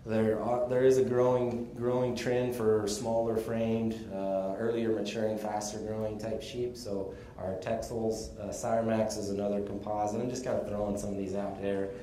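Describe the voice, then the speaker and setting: Mellow low-voiced man presenting. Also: moderate pace, hardly any pauses, slight background noise. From Texas. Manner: casual, relaxed explaining with chuckles. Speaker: conference speaker on sheep breeding. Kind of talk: conference presentation. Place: conference room. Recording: echoey conference room, faint ambience.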